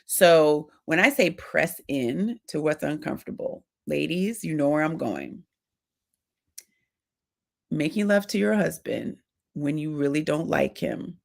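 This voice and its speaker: A middle-aged woman who coaches and hosts on marriage speaks in a low, gravelly voice, giving wives advice in a casual talk. She is direct and animated, slipping into little acted-out exchanges between spouses.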